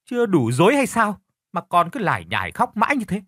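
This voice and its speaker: A gruff old farmer husband grumbles and scolds, his voice rising and falling with exasperation. A man acts him out in a dry, close recording. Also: sits high, huge pitch swings, a little fast, fairly bright tone, no echo, pitched above the performer's own voice, exaggerated voice. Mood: placating. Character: gruff older farmer husband, irritable but softening.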